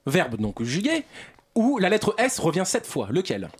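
A man's voice: high voice, huge pitch swings, normal speed, husky. A man hosting a joking radio panel, posing riddles and teasing the panel, laughing often.

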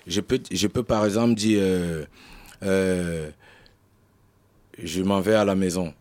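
A man, a guest rap artist in a radio studio interview, explaining with lively street-slang examples. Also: deep voice, slow pace. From Cameroon.

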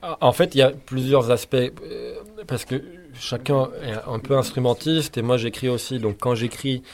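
With a steady, mid-range voice at a moderate pace, a Turkish-speaking rock singer and guitarist responds to an interviewer. His answers are considered and opinionated, broken up by frequent hesitations.

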